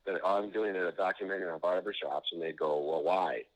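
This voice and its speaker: Brief: deep-voiced male author calling in, heard through a phone speaker, easygoing anecdotes. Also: brisk, rough recording. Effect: heard over a phone on speaker. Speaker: author and interview guest. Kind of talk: phone interview chat. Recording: phone speaker picked up in studio.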